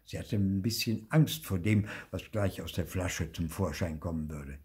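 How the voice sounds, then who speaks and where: An older man reading a children's storybook aloud, slowly and expressively. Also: low-pitched, slightly rough. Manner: slow, expressive, varied narration.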